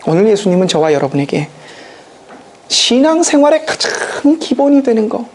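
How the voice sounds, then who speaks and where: A pastor delivering a sermon in a measured, deliberate way. Phrases come in short, weighty pieces, with pauses left to sink in, and questions are posed to the listeners. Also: mid-range voice, very animated, darkish tone, slight background noise. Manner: slow, emphatic delivery with dramatic pauses; asks the congregation rhetorical questions.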